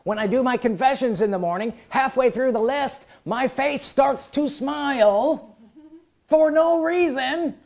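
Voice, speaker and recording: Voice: high-pitched, a little slow, creaky. A preacher delivering a sermon, often stopping to ask the congregation questions. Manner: animated, calls out questions to the congregation.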